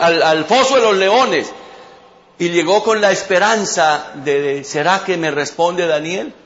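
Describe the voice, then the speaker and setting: A man's voice: high voice, a bit bright, lo-fi sound. A man pastor preaching a sermon. He tells a Bible story and keeps calling out to the congregation. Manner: storytelling with repeated call-outs to the congregation.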